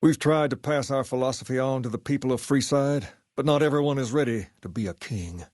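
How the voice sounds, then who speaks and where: A man's voice: medium pitch, a little mellow, no room sound, studio quality, lightly acted. Man voicing The King, folksy, self-assured gang boss. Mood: cool, assured. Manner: folksy, colloquial, measured delivery. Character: easygoing, self-assured gang leader styled as a rock-and-roll king. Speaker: video game voice actor. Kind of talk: scripted game character dialogue.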